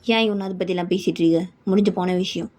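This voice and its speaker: A woman's voice: mid-range voice, steady tone, quick pace, a little mellow, close to an everyday voice. A woman doing an evasive middle-aged father. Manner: dismissive, firm.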